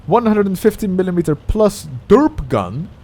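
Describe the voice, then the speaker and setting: A man's voice: high-pitched, big pitch swings, moderate pace, mellow. Rambling, self-correcting male gameplay commentator. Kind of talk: casual commentary over gameplay.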